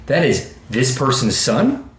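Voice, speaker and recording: On a laid-back podcast he co-hosts, a man in his 30s who coaches youth baseball talks slowly in a medium-pitched voice. He's animated and emphatic, acting out quotes and quoting himself in asides, with roomy echo and faint background noise around him.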